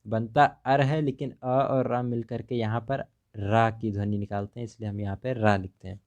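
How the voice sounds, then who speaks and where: A man's voice: fairly low pitch, level tone, moderate pace, a little mellow, dull audio. A male teacher explaining grammar examples step by step, repeatedly asking what a word becomes before answering it himself. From India.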